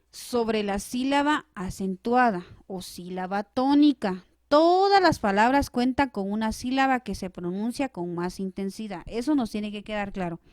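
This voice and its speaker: A woman teaching a recorded grammar lesson, explaining clearly and stressing syllables hard when she gives examples. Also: on the high side, dry recording, studio quality.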